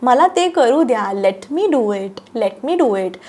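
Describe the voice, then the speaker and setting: A woman with a Marathi accent teaching English, repeating each sentence slowly and carefully. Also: sits high, big pitch swings, a little mellow. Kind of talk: language lesson, reading sentences slowly.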